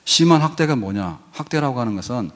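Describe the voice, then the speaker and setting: A man's voice: mid-range voice, animated, brisk. An older man preaching a sermon as pastor in a church, folksy and conversational, rising to emphatic peaks. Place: church sanctuary.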